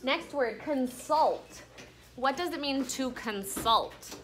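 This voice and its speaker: Speaking slowly in a high, expressive voice, a woman runs an interactive vocabulary lesson and read-aloud for an elementary class, with a little hiss or hum in the audio. She keeps the pupils engaged by often asking questions and checking in.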